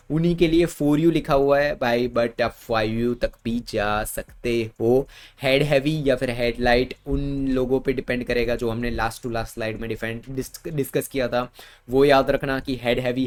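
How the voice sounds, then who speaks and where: A man with an Indian accent explaining badminton racket choice over slides in casual Hindi, repeating words for emphasis. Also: mid-range voice. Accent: Indian Hindi with English terms. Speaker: badminton coach.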